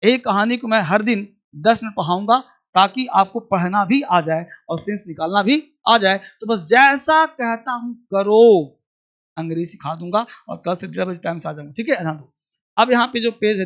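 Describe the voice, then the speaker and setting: High-voiced man drilling English verbs. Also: lively intonation, moderate pace, a bit bright. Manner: drills verb forms aloud, asks and answers his own questions. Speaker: English teacher. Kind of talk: classroom lesson. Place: classroom.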